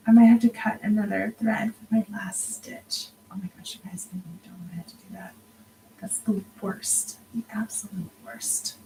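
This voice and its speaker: A woman's voice: mid-range voice, steady tone, normal speed, mellow, a little hiss or hum, poor audio. A tired woman in her thirties chatting casually during a crafting livestream, often dropping to a half-whisper as she counts stitches. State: tired, yawning. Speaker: crafting vlogger. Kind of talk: casual chat while stitching.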